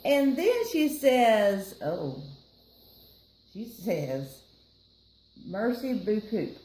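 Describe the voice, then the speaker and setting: An American woman at library storytime reads a picture book aloud to children in a mid-range, sing-song, mellow voice, drawing out her words. She adds chatty, explanatory asides, speaking to both the listeners and her co-reader. The room has a roomy echo and faint background noise.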